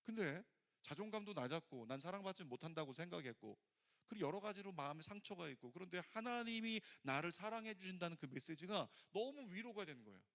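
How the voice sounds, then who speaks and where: A middle-aged male pastor preaching a sermon, telling a story with lively acted-out quotes. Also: sits high, fairly quick. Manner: animated storytelling, acts out quoted voices.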